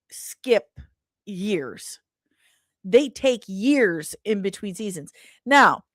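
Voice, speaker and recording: Reading chat comments aloud and replying casually, this entertainment news livestream host is playful and irreverent, tossing out slang and pet names. She speaks at a medium pitch in a studio-quality recording with no room sound.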